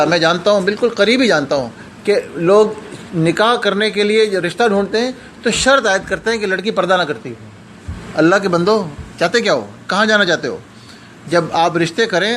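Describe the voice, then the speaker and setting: A man's voice: high voice, slight background noise. A man from South Asia giving a religious lecture to an audience, earnest, with rhetorical questions and personal stories. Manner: frequent restarts and pious interjections. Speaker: Islamic lecturer.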